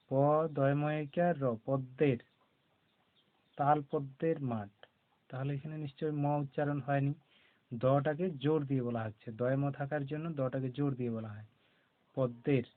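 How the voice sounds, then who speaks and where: Patient man teaching letters, tinny sound. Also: a little high. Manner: slow, patient, spelling out letters one by one. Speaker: primary school teacher. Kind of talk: classroom lesson on conjunct letters. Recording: tinny phone-like recording.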